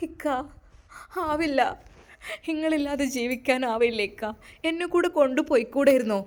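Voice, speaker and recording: A woman's voice: high-pitched, moderate pace, a little mellow, close to an everyday voice. A woman voicing a grieving young widow who pleads through sobs. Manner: sobbing, pleading.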